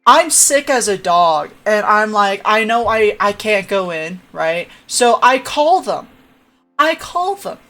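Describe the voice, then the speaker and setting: A woman's voice: medium pitch, slow pace, soft background music. Chatty young woman streamer, rambling. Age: young adult. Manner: rambling, animated, restarts and frequent "right?". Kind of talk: casual storytelling chat.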